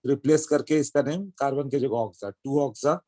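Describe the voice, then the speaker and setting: A man's voice: medium pitch, moderate pace, mellow, dry recording. A man teaching a chemistry lesson, explaining step by step and checking in with his students as he goes. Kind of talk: classroom lecture.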